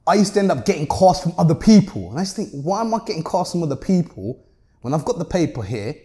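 A man's voice: fairly high pitch, big pitch swings, quick pace, dark tone. A man in his thirties from Luton with a British urban roadman accent, talking casually in slangy, street-tough style as a podcast interview guest. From Luton, England. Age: 30s. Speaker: interview guest, car rental business owner. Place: indoor meeting room at a table.

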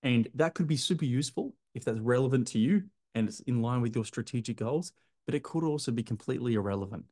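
A man's voice: mid-range voice, animated, fast, darkish tone. A man, talking straight to camera as a business coach, emphatic and gesturing, calling the viewer his friend. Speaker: clinic business coach, video host. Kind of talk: direct-to-camera advice talk. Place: bright indoor apartment room by large windows.

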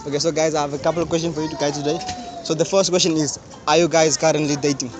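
A man's voice: fairly high pitch, fairly even intonation. A young man with a South African accent, interviewing people on a street at night. He talks with a handheld mic, is playful and says "okay, okay" over and over. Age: young adult. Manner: fast, repeats "okay, okay" often, playful. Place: busy street at night, outdoors. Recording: street crowd noise behind.

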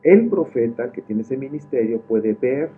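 A man's voice: mid-range voice, expressive, normal speed. A middle-aged man preaching a sermon, speaking conversationally with asides and repeated words. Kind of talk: sermon, Bible teaching. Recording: tinny phone-like sound with faint hum.

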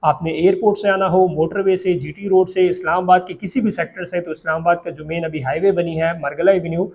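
A young real estate agent with a Pakistani Urdu accent briskly presents property prices to camera in a steady, explanatory sales pitch. He's indoors in an office, recorded on a lapel mic.

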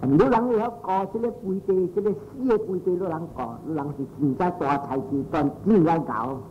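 A Buddhist monk giving a dharma talk, telling stories and repeating his phrases in pairs, with English phrases mixed in. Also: a little fast. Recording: muffled with faint noise and low rumble.

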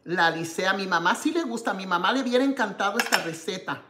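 A woman's voice: medium pitch, expressive, fast, reverberant, noisy background. A woman from Mexico hosting a live cooking stream, tasting her dish with contented hums and greeting viewers by name. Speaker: cooking show host.

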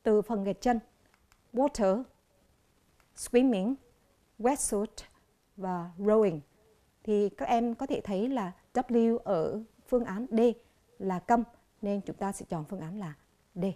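A woman from Vietnam with a Vietnamese accent, teaching an English vocabulary lesson on television, speaking slowly and clearly and repeating each word. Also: mid-range voice, dark tone.

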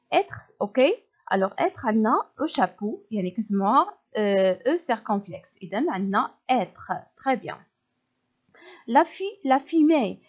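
A woman's voice: a little high, husky, lo-fi sound. A woman with a Moroccan accent teaching an exam prep lesson, explaining step by step, repeating answers and praising often.

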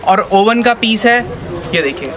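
A man's voice: high voice, animated, measured pace, fairly bright tone, slight background noise. A man in his thirties giving an eager, insistent sales demonstration in a shop, repeating his selling points. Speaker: wholesale jeans seller. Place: small stock-filled jeans shop, indoors.

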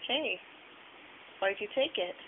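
A woman's voice: medium pitch, expressive, slow pace. A woman chatting casually and playfully, asking short prompting questions and echoing answers back. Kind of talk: casual questioning of a sleep talker. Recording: noisy, hissy, tinny phone-like home recording.

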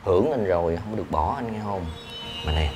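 A man playing a nervous young lover who speaks in a low, coaxing way, with loud music behind. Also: lively intonation, brisk. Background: loud background music.

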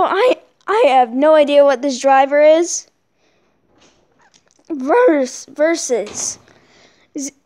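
A woman casually commenting on toy battles, excitable, yelping and correcting herself as she goes. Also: sits high. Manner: excitable, with yelps and self-corrections. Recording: echoey room.

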